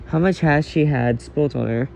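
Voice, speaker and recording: A man's voice: a little high, normal speed, creaky, a little mellow, a little hiss or hum. A man reading his own fan fiction aloud in a casual, unscripted way, with frequent restarts and self-corrections. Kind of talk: amateur fan story reading.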